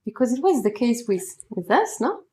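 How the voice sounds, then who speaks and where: A woman's voice: fairly high pitch, very animated, moderate pace, warm tone. A woman from France, a native French speaker, hosting a casual podcast chat in English, asking eager questions and laughing often. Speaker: podcast host.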